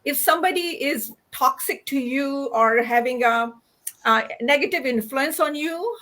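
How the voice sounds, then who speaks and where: A woman's voice: high-pitched, measured pace, bright, forceful tone. A middle-aged woman from India hosting a livestream, explaining a topic earnestly with frequent fillers and restarts. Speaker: host. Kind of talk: livestream talk.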